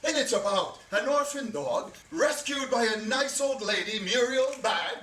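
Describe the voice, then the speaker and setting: A man's voice: extremely high pitch, expressive, a little slow, pushed and bright, reverberant, slight background noise. A man, a cartoon creator, speaking in an interview with a playful, theatrical manner.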